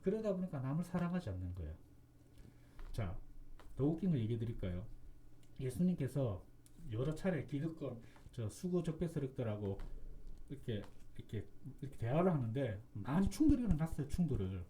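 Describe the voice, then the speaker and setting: A man's voice: mid-range voice, sing-song, brisk, dark tone, slight background noise. A man giving an impassioned preaching talk, emphatic and repetitive, full of rhetorical questions. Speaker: religious commentator.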